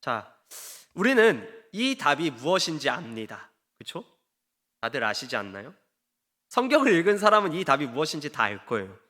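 A high, bright-toned male pastor preaches in a sanctuary with a long, ringing reverb. His delivery is animated and chatty, and his pitch swings widely as he acts out quoted lines and puts questions to the congregation. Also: moderate pace. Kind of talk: Wednesday evening sermon with audience quiz. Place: church sanctuary. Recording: long church hall reverb.

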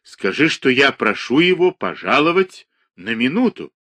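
A man's voice: medium pitch, big pitch swings, normal speed, bright, forceful tone, pitched above the performer's own voice. A man voicing a timid middle-aged male doctor who pleads in a trembling voice in an audiobook reading. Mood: shaken.

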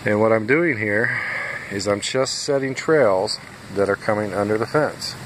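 A man with a somewhat low voice speaks at an unhurried, drawn-out pace, walking a fence line outdoors. He is plain-spoken and folksy, chatting directly to viewers about trapping. The phone recording carries a clear, steady background noise. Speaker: nuisance wildlife trapper. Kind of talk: casual outdoor video walkthrough. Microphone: handheld phone camera.

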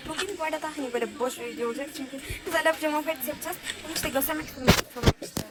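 A woman chatting excitedly to viewers while narrating a game role-play. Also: high-pitched, racing, loud music behind the voice, poor audio.

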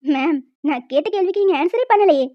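A woman voicing a chatty, nosy college staffer in a cartoon, gossipy and cheeky, lower than her other voices. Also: animated, fairly quick, no echo. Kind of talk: cartoon voice dubbing. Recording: dull dry lo-fi sound.

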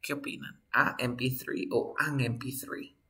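A man teaching an online class, speaking slowly and patiently, stopping often to ask his students questions. His voice is bright and forward, and the sound is a plain video-call recording. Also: mid-range voice, fairly even intonation. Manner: slow, patient explaining with frequent questions to students. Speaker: English teacher. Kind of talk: online class taught in Spanish.

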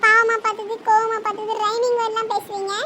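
Lady doing a nosy little cartoon kid, super high, quick. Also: little pitch movement. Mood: curious. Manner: curious, questioning. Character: curious little girl, chatty. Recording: noisy home recording.

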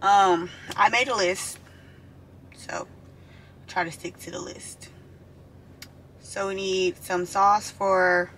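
This vlogger, a woman in her twenties, has a lowish voice with a fairly bright tone as she chats informally to her audience. Filmed indoors in a parked car and a home room, the clip uses camera audio from arm's length or close up, and the sound is noisy.

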